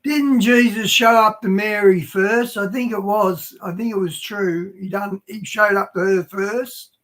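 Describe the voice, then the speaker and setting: A man's voice: high voice, fairly even intonation, measured pace, fairly bright tone. A man adding musing, conversational asides in a casual talk. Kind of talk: casual commentary.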